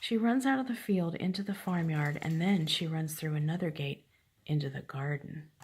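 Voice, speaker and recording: An older woman reads a children's story aloud at home in a hushed, half-whispered voice. Her voice is soft and husky, and sits fairly low for a woman. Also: normal speed. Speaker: grandmother reading to a grandchild.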